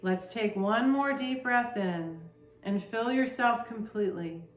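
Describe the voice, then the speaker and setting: A woman leading a guided meditation with soft, soothing instructions. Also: fairly high pitch, unhurried, roomy sound.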